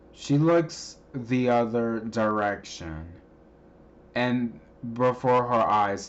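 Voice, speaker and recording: A man casually explaining a creepy cartoon clip, rambling with many pauses and restarts. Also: lowish voice, dull audio. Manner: hesitant, many ums and restarts. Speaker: video narrator explaining a clip.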